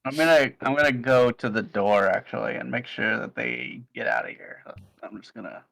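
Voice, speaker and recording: A man's voice: medium pitch, huge pitch swings, moderate pace, creaky, fairly bright tone, dry recording. A man chatting casually as a player in a tabletop role-playing game.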